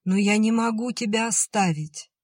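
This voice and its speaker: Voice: medium pitch, measured pace, darkish tone, breathy edge, dry recording. An anxious, emotional elder sister, voiced by an audiobook reader. She exclaims with agitation and worry. The sound is dry and close. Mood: agitated. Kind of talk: audiobook character reading.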